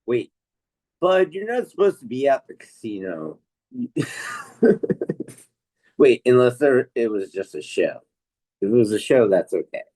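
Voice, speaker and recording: Mid-pitched man in casual chat. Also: sing-song, measured pace, pauses often, warm tone. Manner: short casual interjections. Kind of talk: casual live-stream chat.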